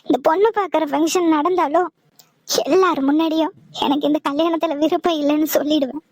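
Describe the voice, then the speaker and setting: A defiant young cartoon bride-to-be played by a woman, pleading and stubborn in a high voice. The sound is close and dry. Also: fairly even intonation, fairly quick, darkish tone, no room sound, natural voice. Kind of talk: cartoon voice acting.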